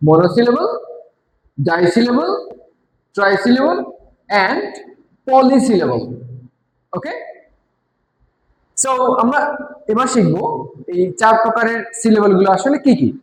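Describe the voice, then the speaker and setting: A woman's voice: mid-range voice, darkish tone. Bangladeshi woman teaching in an echoey room. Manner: says syllable examples slowly and repeats them. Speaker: English grammar teacher. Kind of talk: classroom-style lesson explanation.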